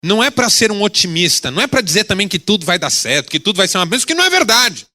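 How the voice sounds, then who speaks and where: A man's voice: sits high, rapid-fire. A male pastor preaching a sermon, telling stories dramatically and acting out the people in them. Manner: animated, dramatic storytelling with acted quotes. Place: radio broadcast of a sermon.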